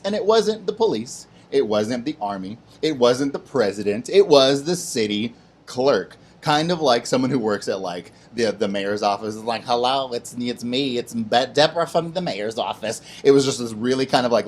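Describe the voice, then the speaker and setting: A man hosting a kids' Bible lesson who tells the story in a lively, casual way and slips into voices for its characters. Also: medium pitch, moderate pace, breathy edge. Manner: animated, plays voices in his stories, casual slang. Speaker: children's ministry host.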